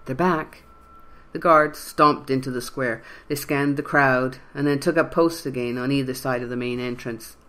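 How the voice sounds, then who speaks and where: A narrator reading a fantasy novel in an even, measured storytelling way. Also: medium pitch. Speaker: audiobook narrator. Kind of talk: scripted narration.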